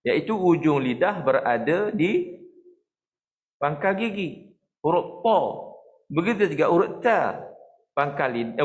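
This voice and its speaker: Malaysian man teaching Quran recitation. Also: high voice. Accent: Malaysian Malay, Perak. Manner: explains patiently, then demonstrates letter sounds and chants verses slowly. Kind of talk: online tajwid lesson.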